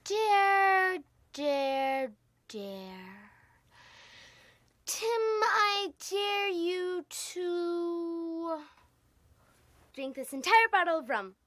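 A woman's voice: sits high, animated, slow pace, a bit bright, heavily acted. An eager teen girl. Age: teens. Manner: eager, pleading and insistent. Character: eager teenage girl with a crush. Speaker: Tina.

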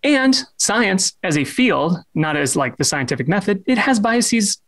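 Chatty man with a slightly high voice. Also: sing-song, fairly bright tone. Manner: halting, many fillers and restarts; self-deprecating humor. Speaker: presenter. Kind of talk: casual online presentation.

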